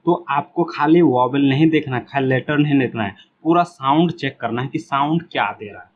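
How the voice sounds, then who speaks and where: A man's voice: medium pitch, a little fast, lo-fi sound, a little hiss or hum. A man teaching an English grammar lesson in Hindi, patiently repeating words and asking and answering his own questions. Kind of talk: classroom lesson explaining grammar.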